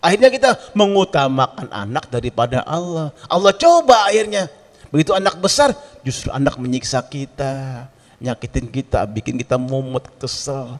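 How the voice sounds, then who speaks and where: Man, preacher, animated sermon storytelling, pitch swings widely, long hall reverb. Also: normal speed. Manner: animated storytelling, acted quotes, laughing asides. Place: prayer room.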